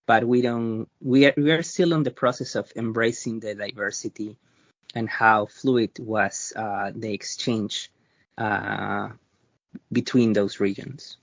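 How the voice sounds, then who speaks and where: A man from Peru with a Peruvian accent, answering interview questions in a thoughtful, halting way, often pausing to rethink his words. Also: fairly low pitch, fairly even intonation, dry recording. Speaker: interview guest, researcher. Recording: dry, slightly dull lo-fi sound.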